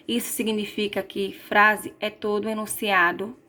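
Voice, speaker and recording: A woman's voice: mid-range voice, level tone, a little slow, pushed and bright. A Brazilian woman teacher giving a recorded grammar lesson, reading from slides and sometimes correcting herself as she goes. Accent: Brazilian Portuguese. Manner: reads slides aloud with self-corrections.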